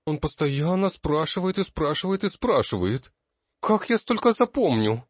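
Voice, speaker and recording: A man's voice: on the high side, big pitch swings, normal speed, no echo, clean studio sound, voice pushed up. A man voicing a complaining young female student in an audiobook, wailing plaintively. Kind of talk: audiobook character voice.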